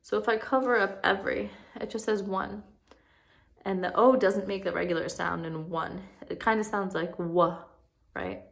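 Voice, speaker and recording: Slow, patient first-grade teacher woman. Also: mid-range voice, gravelly. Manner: slow, patient and encouraging, stretching words out syllable by syllable. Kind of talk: remote classroom lesson.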